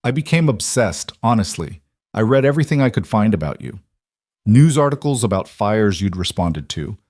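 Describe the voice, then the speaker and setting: A man's voice: fairly low pitch, sing-song, normal speed, darkish tone, no echo, clean studio sound. Grieving widow, as a man reads her. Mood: confessing. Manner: tired, pleading. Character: grieving young widow, weary and raw.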